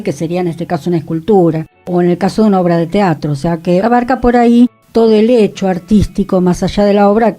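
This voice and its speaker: In a radio studio, a woman co-hosts a cultural talk show with a warm, mid-range voice. She comes across as thoughtful and conversational, laughing now and then.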